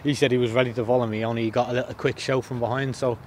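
Outside by the pitch after the game, a footballer in his thirties speaks in a plain way, repeating words as he thinks. His delivery is flat and racing, with a slight hiss or hum in the recording.

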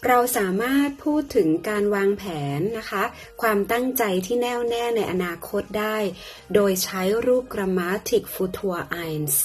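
A woman teaching a grammar lesson, explaining patiently and softening her phrases with polite particles. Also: medium pitch, slow, slightly rough. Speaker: language teacher.

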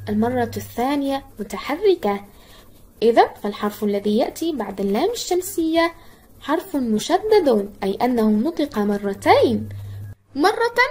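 A woman teacher giving a recorded lesson for children, encouraging and addressing the pupil directly, stretching words out slowly when she models how they sound. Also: high-pitched, a little mellow, husky. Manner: slow, carefully drawn-out syllables when modelling words.

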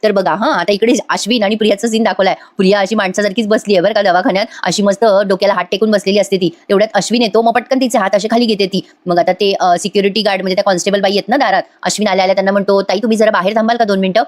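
Fast-talking chatty recap host woman. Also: mid-range voice, fairly even intonation. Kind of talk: casual episode recap.

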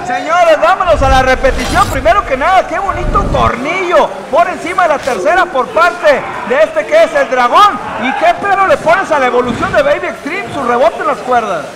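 A man with a Mexican accent working as a wrestling commentator, giving excitable move-by-move lucha libre play-by-play. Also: very high voice, moderate pace, poor audio. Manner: excitable, narrates each move as it happens. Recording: loud crowd and venue noise.

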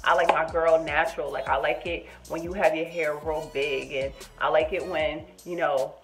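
A condescending young man on a date, his voice dropped low and quiet with a smug drawl, as a woman puts him on while telling a story. Faint music plays underneath. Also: fairly even intonation, normal speed.

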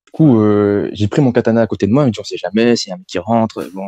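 Fast-talking young man with a dark voice. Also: on the low side, dry recording. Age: young adult. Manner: rambling, slangy, full of fillers. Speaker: caller telling a story. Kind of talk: casual storytelling in slang.

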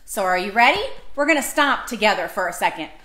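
A woman's voice: medium pitch, expressive, quick pace, pushed and bright, echoey room, a little hiss or hum. A woman hosting a children's storytime, reading picture books aloud and coaxing the kids to join in. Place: indoors, seated with books on her lap. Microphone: camera in front of her.

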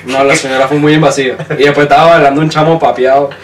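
Animated young Venezuelan man, distant mic. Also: on the high side, fast. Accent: Venezuelan Spanish. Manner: animated, laughing, acts out voices in anecdotes. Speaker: podcast co-host. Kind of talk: casual storytelling chat. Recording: distant mic with faint noise.

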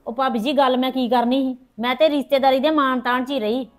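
A woman's voice: high-pitched, fairly even intonation, brisk, soft background music, lightly acted. A middle-aged woman playing a worried mother who visits her sister-in-law and pleads anxiously for help, in a family drama. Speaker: character in a family drama vlog. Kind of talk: hobby village family drama.

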